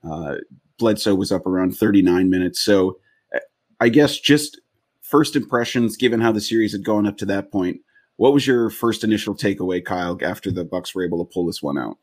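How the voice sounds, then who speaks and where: A man's voice: deep voice, fairly quick. A man hosting a sports podcast, casually recapping games and putting questions to his co-hosts. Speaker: podcast host.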